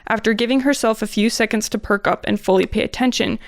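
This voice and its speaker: Young female podcast co-host, vocal fry, dry close sound, giggly and chatty. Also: fairly high pitch, quick pace, no room sound. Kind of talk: casual chat and reading stories aloud.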